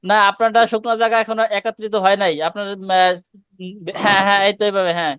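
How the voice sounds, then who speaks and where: A man's voice: sits high, steady tone, fast talker, fairly bright tone, clean tone, no echo. A man teaching Quran recitation on a video call, coaching students and correcting them with short repeated commands. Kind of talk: online class instruction.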